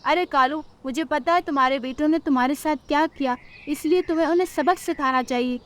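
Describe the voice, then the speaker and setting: List: woman doing a cartoon parrot friend, advising, concerned, high voice. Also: brisk, natural voice. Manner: urging, advising. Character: wise old parrot friend, male, concerned.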